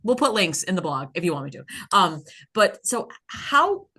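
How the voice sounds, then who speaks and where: A woman's voice: lowish voice, sing-song, moderate pace, bright, forceful tone. A woman in her forties hosting a podcast, talking in a chatty, rambling way with lots of fillers. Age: 40s. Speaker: podcast host. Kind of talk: casual interview chat.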